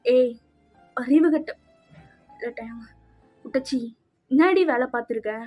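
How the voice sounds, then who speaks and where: A woman's voice: high voice, measured pace, darkish tone. A woman voicing a frantic, remorseful young husband. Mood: scolding, worried. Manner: pleading, anxious calling out. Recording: slightly dull with faint music.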